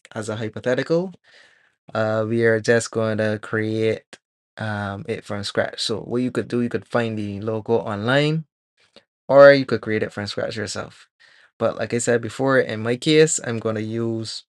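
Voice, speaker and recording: A man from Barbados, streaming live as a 3D artist, chatting casually and thinking aloud with many pauses and fillers while he works. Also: fairly low pitch, no echo, studio quality. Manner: relaxed, rambling, thinks aloud with many ums.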